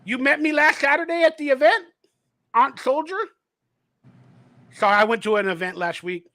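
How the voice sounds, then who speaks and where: A man's voice: extremely high pitch, moderate pace, pushed and bright, dry recording. A man hosting a casual fan livestream, talking animatedly and acting out quotes as he tells stories, swearing freely. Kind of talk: casual chat.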